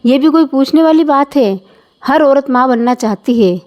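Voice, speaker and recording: A woman's voice: sits high, lively intonation, moderate pace, lo-fi sound. A woman voicing a strict, traditional older mother-in-law with a scolding, insistent manner, in a storybook reading.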